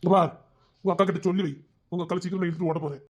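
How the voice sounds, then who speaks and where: A man's voice: high-pitched, fairly even intonation, racing. An actor playing a cheeky young village man who teases and argues his way through courting the woman he loves. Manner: teasing, bantering, swings into shouting. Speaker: actor in a short romance drama. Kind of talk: dramatic village romance acting.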